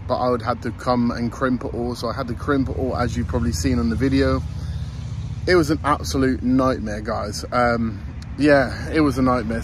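A mid-range male voice, with slight background noise, belongs to a man vlogging inside a van that's being converted. Hot and worn out after a long day, he's still upbeat and chatty, calling viewers "guys," with his phone held close in selfie framing.

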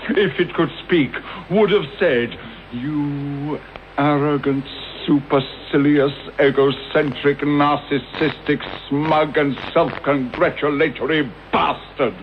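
An actor playing a bitter, vengeful middle-aged English doctor in a British radio drama, theatrical and sardonic, with deliberate articulate delivery. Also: male voice, fairly high pitch, steady tone. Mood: bitter, indignant. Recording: dull, noisy old radio broadcast copy.

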